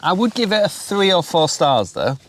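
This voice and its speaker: A man with a fairly high, very lively voice jokes and banters during a casual chat at a hillside camp. His speech swoops up and down, and faint noise sits behind him. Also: moderate pace. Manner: playful, joking, laughs often. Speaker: friend on first wild camp.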